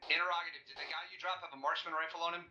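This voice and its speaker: A man's voice: fairly high pitch, steady tone, racing, sharp tone, dull audio. A man leading a platoon in a military simulation game, mixing radio procedure with casual instructions. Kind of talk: radio orders mixed with casual phrasing. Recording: faint noise and clicks.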